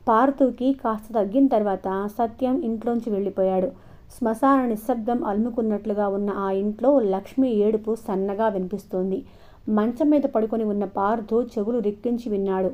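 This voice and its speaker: A woman narrating an audio novel in a measured, even storytelling manner. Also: mid-range voice. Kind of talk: scripted narration. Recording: dull lo-fi recording.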